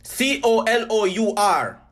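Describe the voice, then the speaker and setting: A man's voice: high-pitched, very animated, pushed and bright, heavily acted. A man voicing a brash, insulting male phone assistant with a Jamaican accent. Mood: scornful. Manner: brash, mocking, quick to insult.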